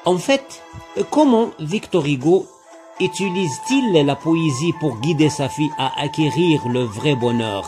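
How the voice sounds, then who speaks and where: A man lectures on poetry in a slow, deliberate way, spelling out syllables one by one. His somewhat high voice rises and falls a great deal. Soft music plays faintly behind him. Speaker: literature teacher. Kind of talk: lecture-style poem analysis.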